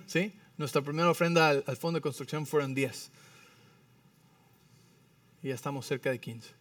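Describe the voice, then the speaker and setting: A man in his thirties preaching a Spanish-language sermon as pastor, animated, often checking in with the congregation. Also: a little high, dry recording, clean studio sound, far from the mic.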